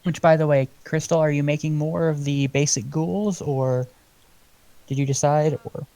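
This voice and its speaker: A man running a tabletop game as game master over voice chat, in a relaxed, offhand way. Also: on the high side, moderate pace, no echo.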